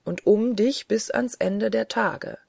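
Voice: medium pitch, slow pace, vocal fry, darkish tone, no room sound, clean studio sound, pitched above the performer's own voice, exaggerated voice. A reader as a solemn, commanding angel spirit.

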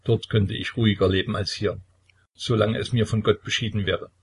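A man's voice: lowish voice, steady tone, normal speed, a little hiss or hum, close to an everyday voice. Man reading an anguished young tsarevich. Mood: despairing. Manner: mournful, sighing lament.

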